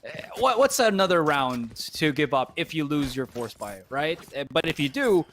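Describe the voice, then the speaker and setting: Excitable guy esports caster doing live play by play, kinda high voice, pretty noisy audio w clicks. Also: moderate pace. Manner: excitable esports caster, exclaiming and asking rhetorical questions. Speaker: esports commentator.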